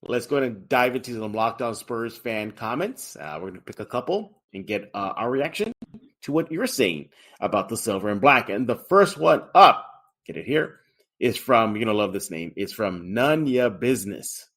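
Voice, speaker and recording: A man's voice: on the low side, lively intonation, moderate pace, fairly bright tone. A man hosting a sports podcast, chatty and upbeat, laughing easily with his guest. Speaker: podcast host. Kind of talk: casual sports podcast chat.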